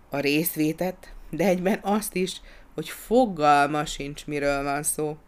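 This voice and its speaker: Audiobook narrator, measured, steady storytelling, mid pitch.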